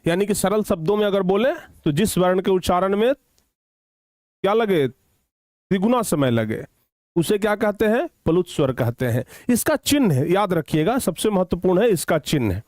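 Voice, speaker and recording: A man teaching children a grammar lesson, repeating phrases slowly for dictation and often checking whether they have understood. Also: high voice, lively intonation, a little mellow, no echo, studio quality. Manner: slow, repetitive dictation, drawing out words; addresses students affectionately, checks understanding often.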